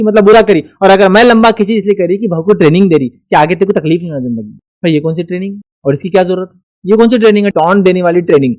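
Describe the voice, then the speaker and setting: A man's voice: sits high, a little mellow. A man giving a religious lecture, emphatic and full of rhetorical questions. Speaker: Islamic speaker.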